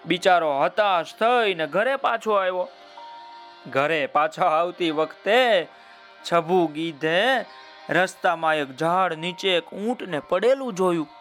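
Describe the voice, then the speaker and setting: A man telling a children's story in a folksy, drawn-out way, speaking to his listeners. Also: high-pitched, animated, fairly bright tone, soft background music.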